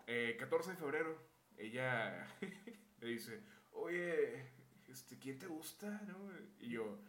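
A man's voice: mid-range voice, lively intonation, slow pace, fairly bright tone. A young man with a Monterrey accent, casually telling a childhood story on a podcast, acting out quoted voices and laughing often. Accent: northern Mexican (Monterrey). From Monterrey, Mexico. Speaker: podcast co-host. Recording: echoey room.

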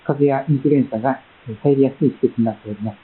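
Gentle male pastor on a tinny line. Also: mid-range voice. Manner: measured, gentle preaching with frequent pauses and fillers. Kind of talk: sermon with Bible reading and prayer. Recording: tinny phone-like sound.

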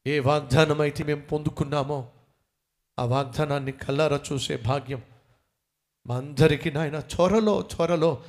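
A male pastor with a fairly high voice delivers a sermon and then leads a fervent prayer. He builds long chains of repeated phrases and drags out key words for emphasis. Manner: impassioned, repetitive cadence, slow stressed phrases.

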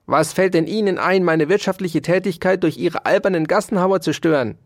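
A fussy, bad-tempered male hamster from a storybook, blustering at everyone around him. His voice sits high and carries loudly, with a lively swing in the pitch. A storyteller acts him out in a dry, close recording. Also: normal speed, no echo. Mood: indignant. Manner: blustering, snapping and scolding.

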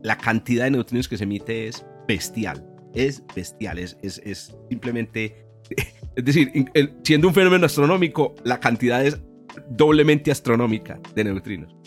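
A man's voice: mid-range voice, expressive, normal speed, soft background music. A man hosting a podcast in a casual, educational style, like a professor chatting. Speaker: podcast host, physics professor. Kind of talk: casual, educational science chat.

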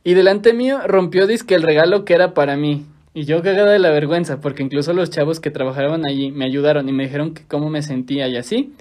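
A young man with a Mexican accent, co-hosting a casual podcast, joking and reading out listener stories in a relaxed, slangy way. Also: a little high, fast, hardly any pauses. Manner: laid-back, joking, slangy, reads listener stories aloud. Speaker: podcast co-host. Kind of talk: casual chat.

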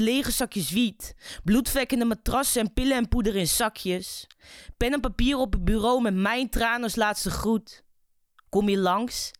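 A woman's voice: medium pitch, dry recording, clean studio sound. A woman with a Dutch accent, a poet guest performing an intense, rhythmic spoken word piece with repeated refrains.

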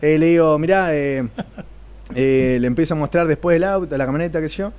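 A man's voice: fairly high pitch, fairly quick, smooth. A young Argentine man, a racing driver guest, telling anecdotes and acting out the dialogue. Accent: Argentine Spanish. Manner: animated storyteller, acts out dialogue. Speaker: race car driver guest.

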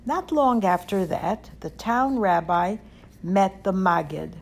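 A woman reading a children's story aloud, clear and expressive. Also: medium pitch, slow, slight background noise.

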